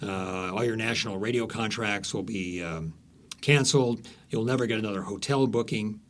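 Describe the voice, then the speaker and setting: Fairly low in pitch yet bright in tone, this man speaks at a moderate pace as an interviewed author. He tells his stories in a conversational way, groping for words at times and repeating certain ones to stress them.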